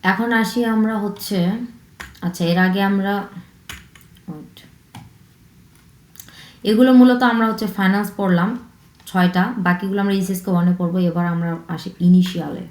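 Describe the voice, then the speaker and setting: A woman teacher guides her students through pronunciation, saying every sound three times in a row. She drops English words into her explanations now and then. Her voice sounds roomy, with a clear echo around it. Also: medium pitch, fairly even intonation, darkish tone. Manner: slow, repeats each sound three times. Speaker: Chinese language teacher. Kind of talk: online language lesson.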